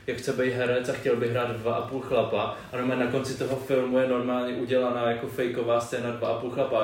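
A man's voice: medium pitch, distant mic. A young man rambles through a casual podcast chat, slangy and full of restarts. His voice sits back from the mic in a very echoey room. Faint noise hangs behind him. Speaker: podcast co-host.

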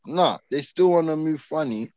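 A man's voice: on the high side, expressive, moderate pace, darkish tone, no echo, muffled recording. A man with an urban London street accent, chatting bluntly in sweary roadman slang as a podcast panellist. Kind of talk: casual opinionated chat.

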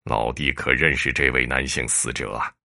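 A man voicing a shrewd, calm male prefect judge who speaks in a dry, measured, sternly mocking way. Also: extremely low pitch, creaky, pitched below the performer's own voice, heavily acted. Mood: probing.

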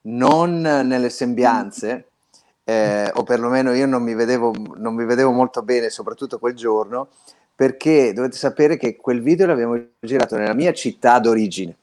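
A man from Belluno in northern Italy calls in to a radio show over an internet line, casually chatting and telling a story. His medium-pitched voice has a moderate pace, and he is lively, often restarting words.

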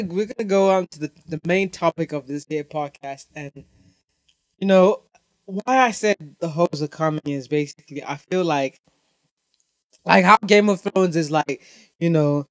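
A young Zimbabwean man hosts his own podcast, his high-pitched voice captured in a low-quality recording with no room sound and a dry, close feel. He rants casually and opinionatedly, packed with slang and heavy swearing. He's emphatic, hammering his points home by repeating them.

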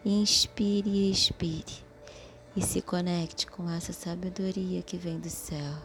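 Slow soothing lady guiding a prayer meditation, hushed and kinda low, soft music behind. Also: fairly even intonation. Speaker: guided meditation leader.

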